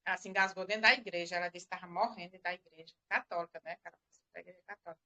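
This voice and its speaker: A woman's voice: fairly low pitch, steady tone, very fast, sharp tone. A middle-aged woman giving a religious testimony on a live stream, rambling and repeating herself as she tells the story. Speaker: church member giving testimony.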